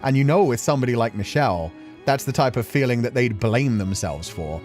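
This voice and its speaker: A man's voice: mid-range voice, animated, fairly quick, a little mellow. A man giving casual, reflective commentary as a streamer, talking in an earnest, emotional, rambling way. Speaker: streamer hosting a game playthrough. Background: music.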